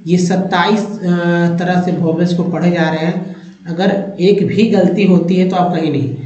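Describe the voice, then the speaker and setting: Male tutor, high pitch, repetitive drilling delivery, echoey lo-fi room recording. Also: steady tone, a little mellow. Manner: drills vowel sounds slowly, repeating cues. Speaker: English teacher. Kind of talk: tutorial lesson. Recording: echoey, dull lo-fi room sound.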